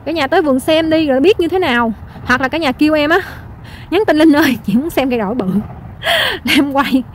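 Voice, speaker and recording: A woman with a high, bright-pitched voice walks through her garden nursery, filming on a phone and talking nonstop to her viewers. She exclaims and gushes over every plant she sells, with faint outdoor noise behind her. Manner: excitable, exclaiming, addresses viewers constantly. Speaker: plant seller. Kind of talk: casual selling vlog.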